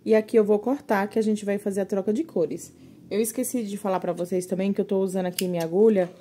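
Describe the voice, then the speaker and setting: Woman crochet teacher, very mellow dark voice, patient step-by-step tutorial, slightly out of breath. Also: mid-range voice. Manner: patient, counts stitches aloud, addresses viewers as girls. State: a little short of breath from coughing.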